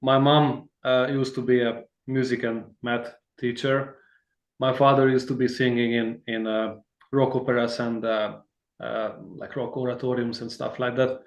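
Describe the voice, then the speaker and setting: Speaking at a moderate pace with little pitch movement, a man from Hungary with a mid-range voice appears as a guitarist guest in a casual interview. He rambles in a friendly manner, laughs easily, and fills his speech with fillers and restarts; the sound is roomy.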